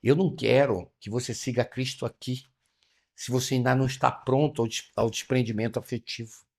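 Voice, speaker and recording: A man's voice: medium pitch, steady tone, a little fast, creaky, darkish tone. A man teaching a spiritual study class. He speaks animatedly, firing rhetorical questions and calling on listeners by name. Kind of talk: interactive spiritual lesson.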